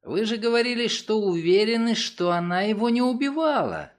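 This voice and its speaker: A man reading an audiobook, voicing an anxious, agitated man in a higher voice. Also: lively intonation, moderate pace.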